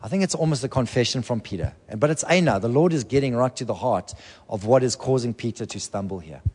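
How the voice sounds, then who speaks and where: A man preaching a sermon with passion, slipping into the voices of biblical figures as he tells their stories. His voice, mid-pitched, rings out with long reverb through a large church hall. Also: animated, fast, darkish tone, husky. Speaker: pastor.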